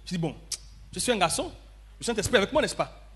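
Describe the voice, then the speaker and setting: A man preaching a storytelling sermon in church, acting out dialogue and swinging between shouting and low murmurs. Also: big pitch swings, quick pace, husky. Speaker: pastor.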